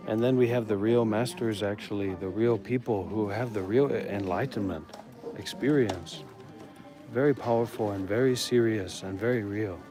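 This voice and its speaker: Music plays in the background while an American from Maryland streams live from a meditation center on his phone. His lowish voice moves at a normal speed as he rambles earnestly and informally; the recording is clearly noisy.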